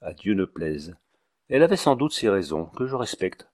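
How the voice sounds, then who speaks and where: A man's voice: low voice, big pitch swings, normal speed, darkish tone. A man voicing a fussy, long-winded male village doctor who speaks in a pompous, ceremonious way.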